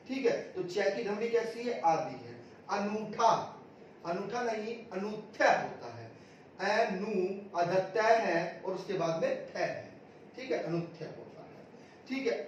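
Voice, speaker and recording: A man's voice: high voice, slight background noise. A man teaching an exam-prep grammar lesson, drilling students with repeated questions and answers. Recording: echoey room, distant mic, dull sound.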